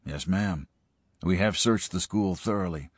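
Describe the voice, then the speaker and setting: A man voicing a gruff, weary middle-aged small-town sheriff giving orders. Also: sits low, unhurried, no echo, studio quality. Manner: gruff, commanding.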